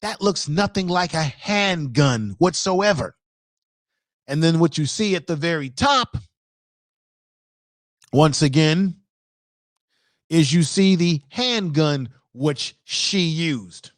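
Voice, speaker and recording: A man hosts a casual live stream in a conversational way. His voice sits a bit high and the sound is dry, with points repeated for emphasis. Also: animated, slow pace, long pauses, no echo.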